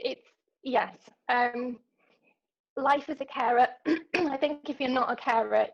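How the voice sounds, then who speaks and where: A woman's voice: fairly high pitch, vocal fry, a bit bright, highs cut off. A woman from London, a podcast guest talking casually and hesitantly, with lots of ums and restarts. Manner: hesitant, many ums and restarts, laughs easily. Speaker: podcast guest, ultra runner. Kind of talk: casual interview chat.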